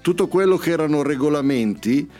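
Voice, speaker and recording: A man's voice: on the high side, expressive, a little fast, dark tone, faint music behind. A man hosting a radio talk show, trading jokes and puns in playful studio banter. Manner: punning, playful, lightly laughing. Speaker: radio show host and musician.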